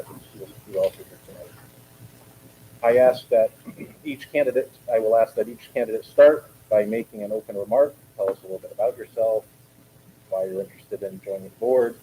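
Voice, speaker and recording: A man with a fairly low voice runs a public school board meeting from the table. He explains the order of business steadily and procedurally, with a faint hiss of background noise. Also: low-quality recording. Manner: procedural, steady, with small restarts.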